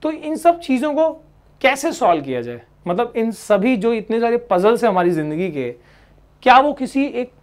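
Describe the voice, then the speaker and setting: A man's voice: very high-pitched, very animated, moderate pace. Chatty man teaching students. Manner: conversational, often adds tag questions, acts out students' worries. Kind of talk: motivational talk to students.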